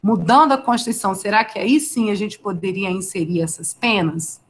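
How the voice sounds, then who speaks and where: A woman's voice: mid-range voice, moderate pace. A Brazilian woman teaching a live online law class, talking conversationally, asking students questions and answering them by name. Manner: conversational, asks students questions and reads their names from chat.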